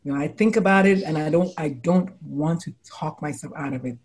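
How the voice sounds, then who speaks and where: A U.S. doctor and life coach, a woman in her forties or older, chats casually in an interview at a fairly quick pace. She tells animated stories, acting out quotes in high exclamations.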